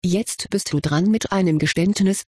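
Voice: medium pitch, normal speed, mellow, breathy edge, no echo, studio quality, close to an everyday voice. A reader doing a practical schoolgirl witch, Toyasa. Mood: matter-of-fact. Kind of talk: audiobook reading.

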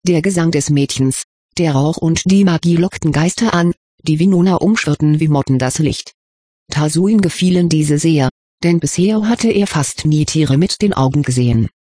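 A narrator reads a fantasy story aloud with a wry storytelling manner. The voice is husky and breathy, and the recording is dry and close. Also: mid-range voice, moderate pace, dark tone, no echo. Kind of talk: audiobook reading.

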